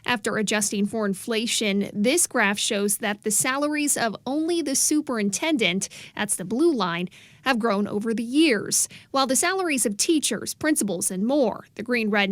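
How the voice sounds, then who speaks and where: A woman news reporter reads scripted narration with measured emphasis. Her voice sits a little high, and the recording is dry and close with no room sound. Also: lively intonation, no echo.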